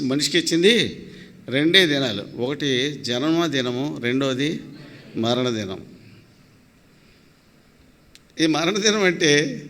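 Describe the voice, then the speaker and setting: High bright-voiced man preaching. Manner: asks the congregation questions, mixes in English phrases. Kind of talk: sermon. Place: prayer house hall. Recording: long hall reverb.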